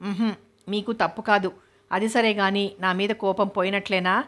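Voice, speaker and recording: A woman voicing an anxious young wife who pleads softly in a read-aloud novel. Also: mid-range voice, level tone, normal speed, close to an everyday voice. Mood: coaxing. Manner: pleading, soft.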